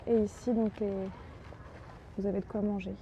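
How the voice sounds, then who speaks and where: A woman's voice: medium pitch, little pitch movement, moderate pace, warm tone, slight background noise. A woman narrating a casual travel vlog in a chatty, enthusiastic way, with many fillers. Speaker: travel vlogger.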